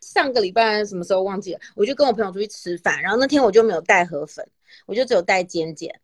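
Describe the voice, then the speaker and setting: A Taiwanese woman hosting a podcast, telling stories in an animated, casual way and acting out the people she quotes. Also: mid-range voice, fast. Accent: Taiwanese Mandarin. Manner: animated storytelling, acts out quoted voices. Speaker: podcast host. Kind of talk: casual chat.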